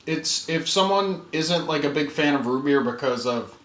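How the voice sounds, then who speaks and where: A man's voice: fairly high pitch, normal speed. Man chatting casually in a roomy space. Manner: relaxed, chatty, thinking aloud with fillers. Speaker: streamer doing a taste test. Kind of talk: casual live-stream chat. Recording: roomy with faint background noise.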